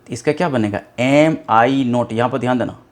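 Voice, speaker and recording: A man with a Hindi accent teaching a spoken English lesson, slowly explaining grammar and repeating each word. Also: medium pitch.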